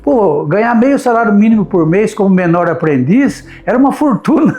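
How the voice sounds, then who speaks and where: Brazilian man in his 70s, oral-history interviewee, rambling and repetitive, pitched high for a man, faint music under. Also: very animated, normal speed, darkish tone. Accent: Brazilian Portuguese. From Brazil, São Paulo state. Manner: rambling, repeats words while searching. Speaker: notary interviewee.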